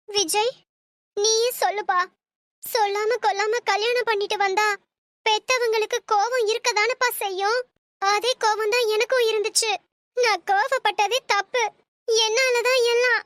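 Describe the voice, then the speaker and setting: A woman voicing a shrill scheming cartoon mother. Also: a bit bright, no room sound, clean studio sound. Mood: pleading. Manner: scolding, lecturing, fake tearful pleading. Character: stern scheming middle-aged mother, manipulative. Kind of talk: cartoon story voice acting.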